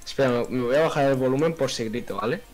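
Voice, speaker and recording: A man's voice: quick pace, faint music behind. A teenage man from Spain with a Spanish accent, chatting on a voice call with a friend and bursting into swearing outbursts. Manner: swears in sudden high outbursts. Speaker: gamer friend. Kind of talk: casual chat on a voice call.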